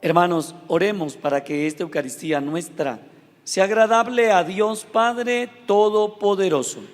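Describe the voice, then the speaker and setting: A priest leads the Mass prayers in a solemn, measured voice that sits a little high for a man. A cathedral echo trails each phrase, and the sound hangs in the long reverb of a large church. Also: faint music behind. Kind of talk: chanted liturgical prayer at Mass.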